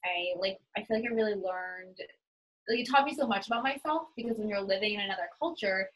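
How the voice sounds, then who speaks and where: A woman's voice: medium pitch, fast, low-quality recording. A woman in her twenties from New England, chatting casually as an interview guest and filling her speech with "like". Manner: chatty, uses "like" a lot, upbeat.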